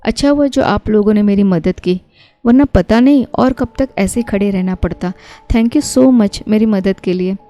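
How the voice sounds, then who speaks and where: A woman voicing a polite, curious young working woman stranded on a night road, in a mellow tone. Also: mid-range voice, normal speed, no room sound, close to an everyday voice. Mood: friendly.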